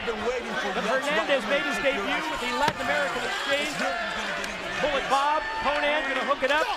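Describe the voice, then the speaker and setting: High-pitched male wrestling play-by-play announcer. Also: steady tone, normal speed, heavy background noise. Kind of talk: excited live sports commentary. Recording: loud arena crowd and music behind.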